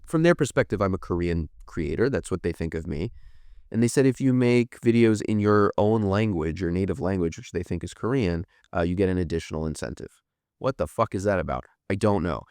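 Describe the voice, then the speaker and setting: Reading viewer comments on a livestream, a man in his thirties from the United States chats loosely and rambles, dropping casual swear words. He has a low, clear, resonant voice. The studio recording is clean, with no room sound.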